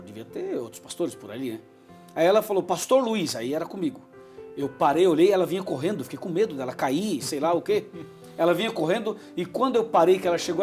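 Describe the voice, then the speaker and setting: A man's voice: on the high side, darkish tone. A man, a pastor telling emotional anecdotes as a TV interview guest and acting out what people said. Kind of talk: storytelling in a TV interview.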